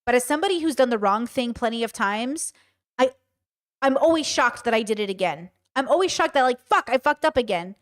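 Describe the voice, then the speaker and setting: With lively intonation and a fairly quick delivery, a thirtysomething woman streams to her chat, reading and reacting conversationally. Her fairly high voice carries frank, profanity-filled commentary and rhetorical questions aimed at viewers.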